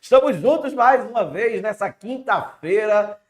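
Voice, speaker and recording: A chatty man co-hosts a broadcast classroom lesson, keeping things moving with constant tag questions. His voice sits high and rings out in an echoey room. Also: expressive, unhurried. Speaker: teacher co-presenting a televised lesson. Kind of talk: lively classroom presenting.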